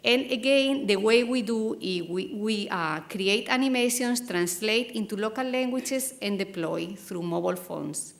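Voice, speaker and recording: Woman, Spanish accent, conference speaker; slow, careful delivery, mid-pitched voice, many ums. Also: vocal fry. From Spain. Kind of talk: conference presentation. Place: lecture hall.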